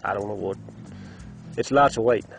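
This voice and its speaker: A man's voice: lowish voice, moderate pace, soft background music. A plain-spoken man with a Texan accent, talking casually and emphatically in an interview. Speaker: rancher.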